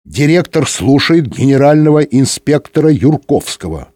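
A man voicing a slow-spoken station director with a creaky, drawling voice, in a dry, close recording. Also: on the high side, very animated, warm tone, no room sound, voice pushed up. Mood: measured.

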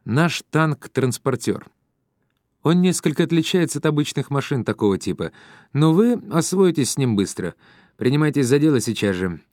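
A man's voice: medium pitch, sing-song, normal speed, a little mellow, dry recording, studio quality, voice pushed up, lightly acted. A man reading an audiobook voices a middle-aged male chief who gives curt, authoritative orders. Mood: brisk commanding.

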